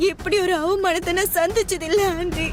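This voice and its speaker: A young daughter-in-law sobs through wounded, self-pitying complaints in a very high, thin voice. Drama music runs under her. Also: fairly even intonation, normal speed. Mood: tearful. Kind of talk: TV serial acting. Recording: music score behind dialogue.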